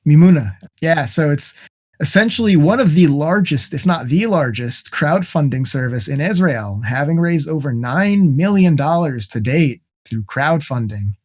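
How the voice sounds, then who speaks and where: A man's voice: fairly high pitch, expressive, moderate pace, a little mellow, slightly rough. Joking male podcast host. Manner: joking, laughs often. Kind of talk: casual podcast chat. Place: home in Massachusetts.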